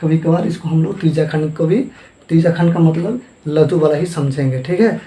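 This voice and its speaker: A man's voice: on the high side, moderate pace, mellow. Male math teacher with a Jharkhand Hindi accent, repeats terms and quizzes himself, recorded in a roomy space. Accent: Hindi-speaking eastern India, Jharkhand. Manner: asks questions and answers them himself, repeating terms. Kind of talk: classroom lesson at a board. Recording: echoey room.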